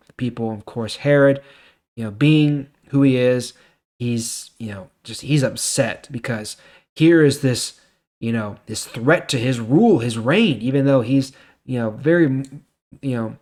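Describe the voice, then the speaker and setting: This Bible reading series host has a mid-range, somewhat dark voice. He shifts back and forth between reciting passages and offering informal, forceful commentary on them.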